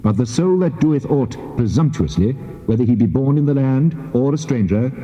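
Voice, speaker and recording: An actor playing a stern, commanding God in a solemn, measured scripture dramatization. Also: male voice, medium pitch, mellow, close to an everyday voice. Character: God, stern commanding Lord giving law to Moses. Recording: muffled, long cavernous reverb.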